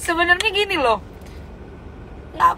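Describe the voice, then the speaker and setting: A woman coaching her team in a casual talk, frank and animated, often asking her listeners rhetorical questions. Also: extremely high pitch, takes it slowly, slight background noise, poor audio.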